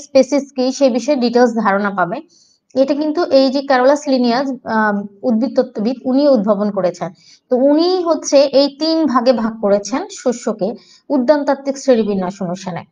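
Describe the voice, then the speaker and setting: A woman's voice: fairly high pitch, a little mellow, dull audio. A woman with a Bangladeshi Bengali accent teaching an online agriculture class, explaining patiently step by step and spelling out terms syllable by syllable.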